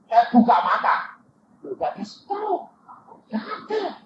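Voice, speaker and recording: Older man, preacher, lively storytelling sermon, dull far-off echoey hall recording. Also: slow, background noise. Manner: animated, swings from low asides to high shouted quotes. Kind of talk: sermon with anecdotes.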